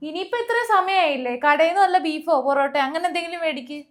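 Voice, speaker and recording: A woman's voice: very high voice, quick pace. A woman playing a quarrelsome young wife and mother in a home-made comedy skit. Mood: grumbling. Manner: nagging, quarrelsome.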